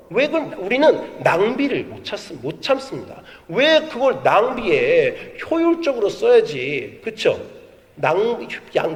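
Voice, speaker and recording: Middle-aged male pastor, high lively sermon delivery, church hall echo. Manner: animated storytelling, acts out quoted voices. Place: church sanctuary. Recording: long hall reverb.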